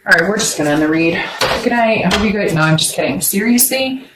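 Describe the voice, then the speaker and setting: A woman's voice: medium pitch, animated, fast, roomy sound, noisy background. A woman giving a casual, rambling tarot reading to her viewers, blunt and joking, swearing now and then. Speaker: tarot reader.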